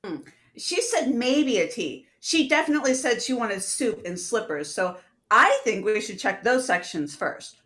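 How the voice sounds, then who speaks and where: A woman playing a tabletop game in character over a video call, brisk and impatient. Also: a little high, big pitch swings, fairly bright tone. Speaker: player.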